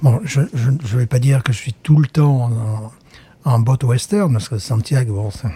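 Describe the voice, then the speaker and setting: Dark-voiced man rambling on a podcast. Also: medium pitch, moderate pace, breathy edge. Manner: rambling, with many restarts and laughter. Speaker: podcast co-host. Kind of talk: casual podcast chat.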